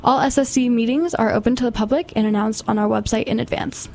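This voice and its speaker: A woman's voice: on the high side, steady tone, fast, darkish tone. Upbeat woman hosting a radio show. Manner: upbeat, smooth reading of announcements. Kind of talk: radio interview and announcements.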